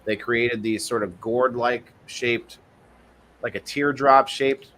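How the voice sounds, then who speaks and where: A man's voice: medium pitch, fairly even intonation, slow pace, fairly bright tone, a little hiss or hum. A man hosting a casual livestream podcast, explaining things in a rambling way and often correcting himself. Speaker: podcast host.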